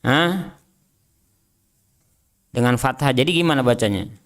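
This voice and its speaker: A man's voice: medium pitch, expressive, a little slow, a bit bright. A man teaching an Islamic study class. He reads Arabic text aloud, translates and explains it, and drills his students with short questions. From Indonesia. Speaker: religious teacher.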